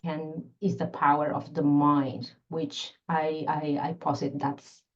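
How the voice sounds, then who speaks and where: A woman's voice: deep voice, little pitch movement, slow, lo-fi sound. A middle-aged woman from Peru with a Peruvian Spanish accent, explaining her work thoughtfully in a podcast interview, often searching for words. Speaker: guest, constellation facilitator and scientist.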